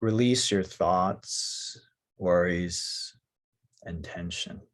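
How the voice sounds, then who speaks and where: The teacher of this yoga nidra meditation is a man with a deep voice. He speaks calmly and softly, pausing at length between short phrases.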